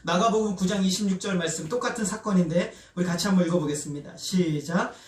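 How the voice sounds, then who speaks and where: A man's voice: high voice, fast talker. A man preaching a sermon as pastor, animatedly asking the congregation questions and leading them in call-and-response. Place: church sanctuary. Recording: roomy church hall, voice from a distance.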